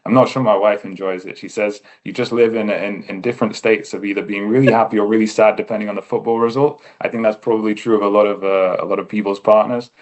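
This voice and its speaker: A man's voice: on the low side, steady tone, fast, hardly any pauses, darkish tone. An English man as a podcast guest, talking in a thoughtful, easygoing way with fillers and restarts. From England. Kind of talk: casual interview chat.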